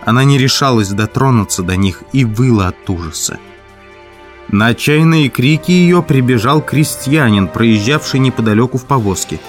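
A man reading a classic story aloud as an audiobook narrator, in measured, even storytelling. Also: mid-range voice, soft background music. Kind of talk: scripted narration.

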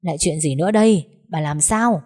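A woman's voice: deep voice, fairly quick, a little mellow. A woman voicing a tired older husband who speaks in a subdued way in a narrated story. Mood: weary. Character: weary older husband and father.

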